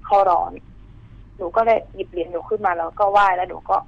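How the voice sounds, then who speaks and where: A woman's voice: lowish voice, fairly even intonation, fast talker, gravelly, breathy edge, dry recording. A woman calling in to tell a ghost story, earnest and polite, narrating in careful detail over the phone. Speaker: caller telling a ghost story. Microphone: telephone. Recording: muffled phone line.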